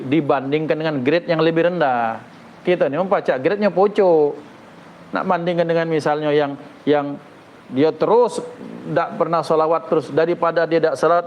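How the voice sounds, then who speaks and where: A man's voice: fairly high pitch, a little hiss or hum. Folksy Palembang preacher man, joking, lo-fi. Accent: Palembang Malay. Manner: joking, folksy, animated asides. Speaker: religious teacher. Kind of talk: informal religious lecture. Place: weekly study gathering room.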